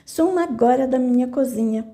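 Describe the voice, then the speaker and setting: A woman's voice: high-pitched, a little fast, dark tone. A woman voicing a blunt, curt old female cook on a farm in an audiobook.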